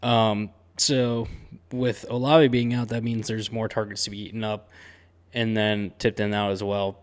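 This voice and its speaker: A man's voice: fairly low pitch, level tone, a little slow. A man hosting a sports betting picks show, talking casually and upbeat, with slangy sports talk and lots of "um" and "uh" fillers. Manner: chatty and upbeat, with frequent "um" and "uh" fillers.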